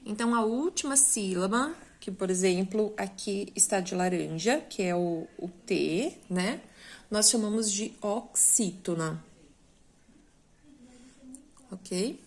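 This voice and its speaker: A school teacher with a Brazilian Portuguese accent and a slow, medium-pitched voice goes over exercise corrections in a recorded lesson. She explains step by step and often checks in with the class.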